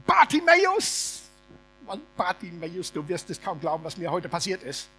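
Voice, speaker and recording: Man doing an overjoyed woman, excited, gushing, high voice. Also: fairly quick, faint music behind, close to an everyday voice. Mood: euphoric. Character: woman, euphoric after being healed.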